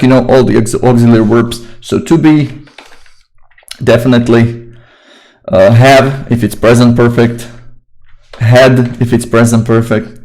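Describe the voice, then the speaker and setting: A young man with a Slovak accent explains English grammar in a loose, informal way and often repeats himself. His voice sits at a mid pitch, and a keyboard clacks now and then behind him. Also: poor audio. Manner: relaxed, informal and chatty, repeats phrases. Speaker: English teacher. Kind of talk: casual online grammar lesson.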